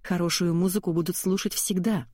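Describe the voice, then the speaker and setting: A woman's voice: on the low side, fairly even intonation, a little fast, darkish tone, no echo, studio quality, lightly acted. A woman narrator voicing a shy, lovelorn woman in her forties who speaks hesitantly and wistfully.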